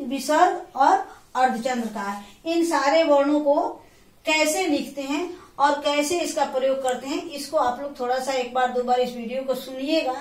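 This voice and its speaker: High-voiced woman teaching in an echoey room. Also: fairly bright tone. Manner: patient, repetitive explaining with examples. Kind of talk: Hindi grammar lesson. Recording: roomy echo, voice from a distance.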